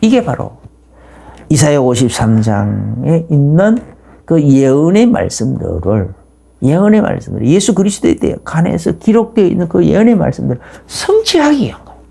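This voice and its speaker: A woman's voice: low voice, very animated, normal speed, vocal fry, warm tone, husky. A woman pastor preaching a sermon, telling the story emphatically and asking rhetorical questions.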